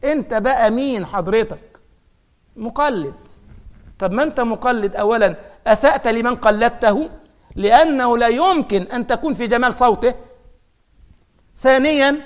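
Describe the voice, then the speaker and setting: A man with an Egyptian Arabic accent, a Quran teacher giving a religious lesson in an animated way, swinging from emphatic scolding to soft, quiet asides. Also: very high voice.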